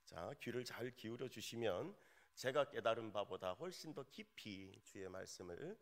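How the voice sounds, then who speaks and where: A male associate pastor preaching a sermon, joking with the congregation in an animated way. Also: lowish voice, moderate pace.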